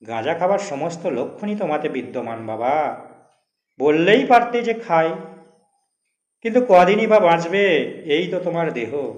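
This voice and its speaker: A man's voice: mid-range voice, a little mellow, reverberant. A Bengali-accented man teaching a school literature lesson, reading old prose aloud and then explaining it in plain speech with exam questions.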